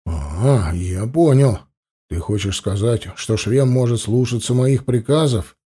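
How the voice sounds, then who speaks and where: A man voicing an excited, boastful young man in an audiobook. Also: measured pace, husky. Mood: wondering. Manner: excited exclamations, raised higher voice.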